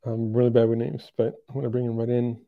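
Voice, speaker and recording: A man's voice: medium pitch, flat delivery, gravelly, narrow, tinny audio. A man hosting an online interview podcast, talking casually with many ums and uhs. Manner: halting, filler-heavy, friendly. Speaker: podcast host.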